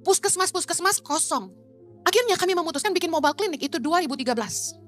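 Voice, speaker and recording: A woman's voice: extremely high pitch, expressive, fast talker, faint music behind. A middle-aged woman pastor, preaching in a blunt, emphatic way and dropping English phrases into her sermon.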